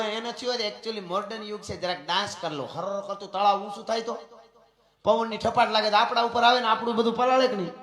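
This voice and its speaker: Rousing Kathiawadi folk storyteller, high voice. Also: male voice, a bit bright. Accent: Kathiawadi Gujarati. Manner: dramatic, rousing delivery with asides to friends. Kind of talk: dayro folk storytelling on stage. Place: stage at a live gathering. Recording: echoey hall with faint music.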